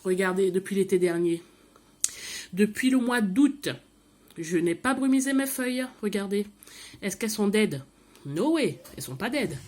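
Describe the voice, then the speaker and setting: A woman's voice: fairly low pitch, husky. Chatty woman gushing over houseplants. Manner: chatty and animated, with gushing asides and mixed-in English phrases. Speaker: plant vlogger. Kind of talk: casual chat.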